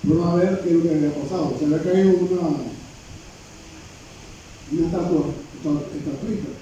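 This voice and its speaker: High-voiced preacher in an echoey church. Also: male voice, fairly even intonation, fairly quick, warm tone, lo-fi sound. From Panama. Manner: repeats and restarts words, asks the congregation questions. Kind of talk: sermon. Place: church sanctuary. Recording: very echoey church from a distant mic, faint noise.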